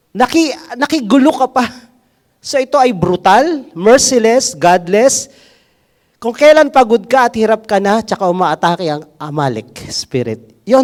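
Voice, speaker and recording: A man preaching a sermon, mixing English into his talk and asking the congregation rhetorical questions, swinging from loud to hushed. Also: very high-pitched. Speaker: pastor.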